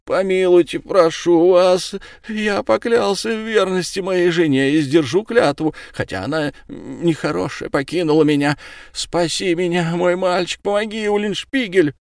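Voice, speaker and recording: Audiobook part: man voicing a chubby, cowardly whiner, high and squealing, wildly swinging pitch, dry close sound. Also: lively intonation, normal speed, no echo, close to an everyday voice. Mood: desperate pleading. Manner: pleading, plaintive, squealing. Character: plump, timid, whining middle-aged man. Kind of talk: audiobook reading.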